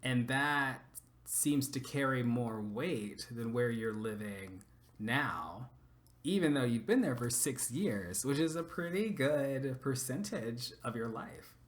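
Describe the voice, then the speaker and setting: A man's voice: mid-range voice, lively intonation, takes it slowly. A man hosting a casual podcast interview, asking curious, probing questions. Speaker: podcast host.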